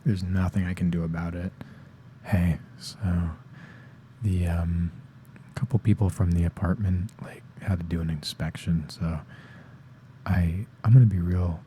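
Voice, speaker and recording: A young man rambling softly in a casual ASMR chat, sleepy and tired-voiced, often dropping into whispers. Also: deep voice, a little hiss or hum. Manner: rambling, slips into whispers, self-deprecating. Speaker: ASMR creator. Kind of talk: soft-spoken ASMR ramble.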